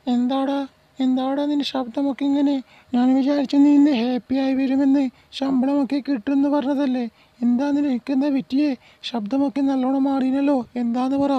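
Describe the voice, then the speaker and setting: A woman voicing a caring mother who gently reassures her grown son, in an amateur dub of a game short film. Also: high voice, level tone, normal speed, no room sound, muffled recording, close to an everyday voice. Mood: concerned. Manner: tender and reassuring.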